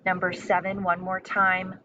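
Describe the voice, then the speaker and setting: A woman's voice: lowish voice, completely flat delivery, unhurried, bright, forceful tone. A woman teacher giving a spelling lesson and dictation, enunciating carefully and repeating in an encouraging, instructional way. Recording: muffled lo-fi sound with faint noise.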